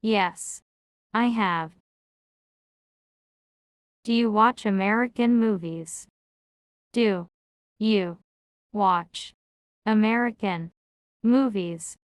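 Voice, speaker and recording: A woman teaching English, reading each question and answer, then repeating it word by word with long pauses. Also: mid-range voice, clear, resonant tone, dry recording, studio quality. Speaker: language teacher. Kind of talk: slow word-by-word English drill.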